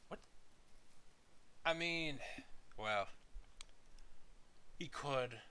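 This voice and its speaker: A man's voice: medium pitch, extremely slow, pushed and bright, slight background noise. A man giving casual reaction commentary in an incredulous, exasperated, argumentative way. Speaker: reaction show host.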